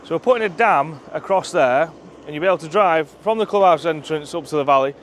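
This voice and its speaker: A man's voice: a little high, quick pace, slight background noise. Chatty man giving an outdoor tour. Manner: chatty, enthusiastic, many ums and restarts. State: out of breath while walking uphill. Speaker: shooting ground owner giving a site tour. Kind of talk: walking tour vlog, casual explaining. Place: outdoors at a shooting ground, then inside a clubhouse. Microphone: camera held by a companion filming.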